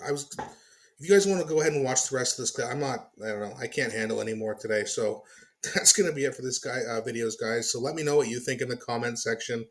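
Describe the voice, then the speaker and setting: A man's voice: medium pitch, fast. A man hosting his own commentary channel, ranting in disbelief and swearing freely as he reacts to a clip, then winding down to sign off to his viewers. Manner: exasperated, swearing, incredulous.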